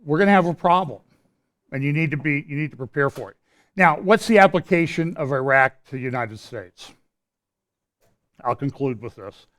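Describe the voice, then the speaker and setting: A man's voice: fairly high pitch, expressive, moderate pace, long pauses, fairly bright tone. Opinionated man giving a prophecy update. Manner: explains while pointing at a map on screen. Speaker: church prophecy update presenter. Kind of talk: conversational commentary.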